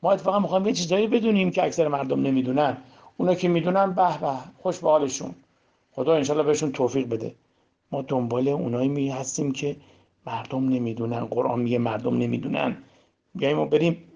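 A man with a deeply gravelly, husky voice preaches a sermon on scripture, posing questions and answering them himself. He swings from loud emphasis to hushed demonstration. The recording sounds dull and lo-fi. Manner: asks and answers his own rhetorical questions. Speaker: religious teacher. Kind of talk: sermon explaining Quran verses.

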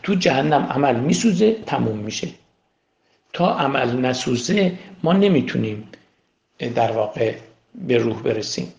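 A man's voice: mid-range voice, big pitch swings, creaky, pauses often, a little mellow, highs cut off. A man teaching a spiritual class in a lecture style, asking rhetorical questions and repeating key words for emphasis. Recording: roomy echo.

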